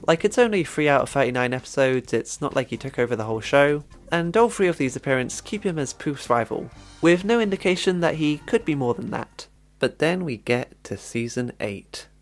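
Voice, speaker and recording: A man's voice: mid-range voice, expressive, brisk, faint music behind. A man narrating a scripted video essay about a cartoon, wry and chatty in his commentary.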